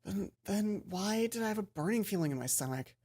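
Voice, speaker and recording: Over music from the game, a woman hosting a let's play reads a visual novel aloud and throws in her own asides. Her mid-range voice is animated and brisk, with a dark tone.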